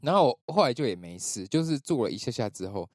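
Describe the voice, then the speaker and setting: A man's voice: mid-range voice, quick pace, no echo, clean studio sound. A man with a Taiwanese Mandarin accent hosting a podcast, telling a personal story in casual chat and acting out the voices of the people in it. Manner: animated storytelling, acts out quoted voices. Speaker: podcast host.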